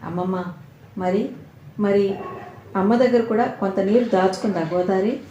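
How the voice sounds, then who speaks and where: A woman's voice: medium pitch, a little slow, warm tone, dull audio, a little hiss or hum, close to an everyday voice. Woman voicing a curious little village girl. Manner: eager, questioning. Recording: roomy echo.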